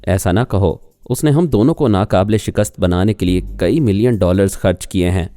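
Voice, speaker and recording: Narrator doing a cranky hot-headed agent guy, deep voice, dry sound. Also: dark tone, no room sound, natural voice. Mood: irritated. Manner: curt, irritable. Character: hot-tempered male agent, defensive husband. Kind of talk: audiobook character reading.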